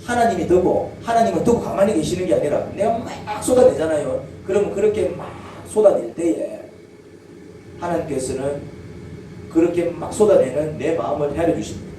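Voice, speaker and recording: A man's voice: a little high, expressive, a little fast. A male pastor preaching a sermon to his congregation, asking them questions and drawing spoken replies. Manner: asks the congregation questions and draws call-and-response replies. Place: church sanctuary. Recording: echoey church hall, distant mic, background noise.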